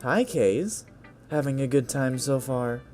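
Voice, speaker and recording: A man's voice: medium pitch, lively intonation, a little slow, a little mellow, soft background music, voice pushed up, natural voice. A man voicing a confident, friendly teenage girl club president who talks in a breezy, encouraging way. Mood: cheerful. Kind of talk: video game voice-over reading.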